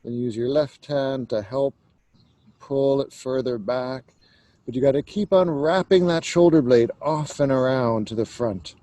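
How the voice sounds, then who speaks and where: A man leading a yoga class, calmly cueing each stretch step by step. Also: medium pitch, no echo. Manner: slow, calm cueing of stretches. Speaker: yoga teacher. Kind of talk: guided yoga instruction.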